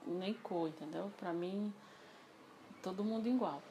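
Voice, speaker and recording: A woman's voice: medium pitch, a little slow, a little hiss or hum. Chatty woman recounting a personal story. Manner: animated, acts out quoted dialogue. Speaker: interviewee. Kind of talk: casual storytelling interview.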